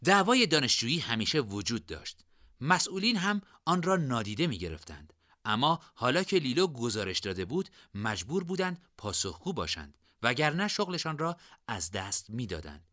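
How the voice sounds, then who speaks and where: A male narrator reads a novel chapter with expressive storytelling. His pitch moves lively through each sentence and his tone is bright, recorded dry and close. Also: no room sound.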